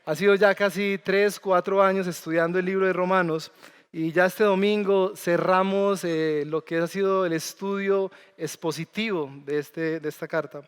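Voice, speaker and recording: Male pastor, smooth high voice, conversational sermon, reverberant church hall. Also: fairly even intonation, moderate pace. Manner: conversational preaching with questions to the congregation. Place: church sanctuary.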